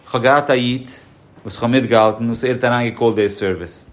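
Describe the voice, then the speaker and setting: Male podcast guest, mid-pitched, emphatic, advisory, example-driven. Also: fast, background noise. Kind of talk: casual podcast conversation.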